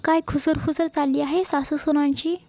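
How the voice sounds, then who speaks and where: A woman voicing a sharp-tongued, sarcastic middle-aged aunt. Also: sits high, little pitch movement, moderate pace. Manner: sarcastic, irritable.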